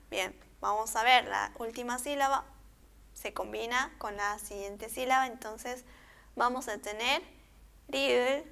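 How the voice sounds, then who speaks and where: A woman teacher with a slightly raised, bright voice and a gravelly edge. She talks very slowly, breaking each word into syllables and saying it again and again. She keeps checking in with her students after each example. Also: on the high side. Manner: spells out syllables and repeats words, checking with "¿sí?". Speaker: Korean language teacher. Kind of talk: slow step-by-step pronunciation lesson.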